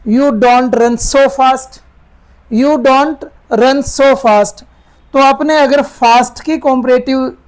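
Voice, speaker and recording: A man teaching an English grammar lesson, patiently dictating words slowly and checking that his students follow. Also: very high-pitched, darkish tone. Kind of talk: Hindi-medium grammar lesson.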